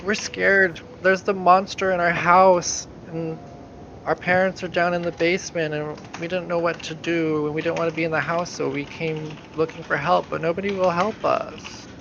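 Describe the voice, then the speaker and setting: A man voicing a frightened girl of about eight in a tabletop game, speaking in halting, pleading phrases. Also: on the high side, level tone, creaky, a bit bright, muffled recording, slight background noise, pitched above the performer's own voice. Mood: scared, pleading. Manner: pleading, halting child speech.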